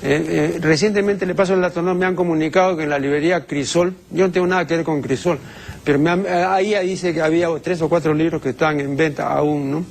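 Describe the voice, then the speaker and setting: A man's voice: a little high, fairly even intonation, fairly quick, creaky, slight background noise. An older man, answering viewers' language questions on a TV segment in a strict, pedantic way with many hesitations.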